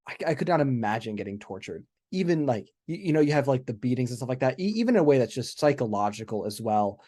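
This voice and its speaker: Man, mid-pitch, chatty podcast co-host, enthusiastic with restarts. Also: lively intonation, quick pace, warm tone. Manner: enthusiastic, many restarts and "right?" asides. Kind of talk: casual podcast discussion.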